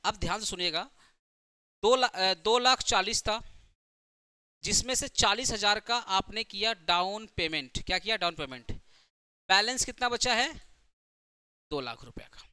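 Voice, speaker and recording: A man's voice: high voice, lively intonation, a little slow, long pauses, pushed and bright, clean tone, dry recording. A man teaching accountancy in a recorded lecture, speaking with terms, repeating points and asking his class questions.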